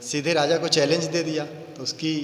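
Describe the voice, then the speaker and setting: A man with a fairly high voice tells a devotional story in a lively, conversational way. He speaks as a yoga teacher to his listeners. A long hall reverb rings behind his words. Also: normal speed.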